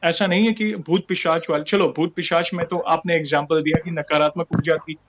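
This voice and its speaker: A man's voice: a little high, steady tone, fairly quick, muffled recording, very noisy. A man hosting a conversational interview, encouraging his guest with frequent affirming murmurs. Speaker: host.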